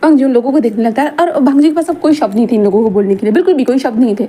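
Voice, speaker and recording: A woman tells a fanfiction story in a rambling, casual way, often repeating and correcting herself. Her voice is high and quick, with a mellow tone. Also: breathy edge.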